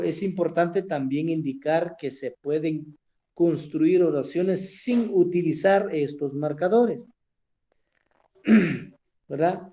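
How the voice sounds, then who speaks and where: A man teaching a language class online, explaining slowly and often checking in with his students. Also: fairly high pitch, warm tone. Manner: slow, explanatory, asks "verdad?" often.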